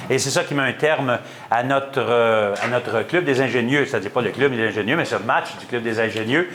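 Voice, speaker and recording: A man with a Québécois accent hosting a school quiz game, reading questions and ruling on answers at a quick clip. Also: medium pitch, a bit bright, a little hiss or hum. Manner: brisk, quick-paced quizmaster, reads questions and rules on answers. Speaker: quiz show host.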